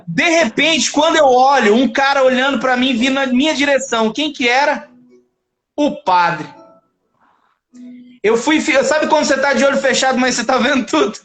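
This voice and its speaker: High-voiced man telling a faith testimony. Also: moderate pace. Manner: animated storyteller who acts out dialogue and laughs often. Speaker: guest giving a testimony. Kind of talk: emotional faith testimony in a live conversation.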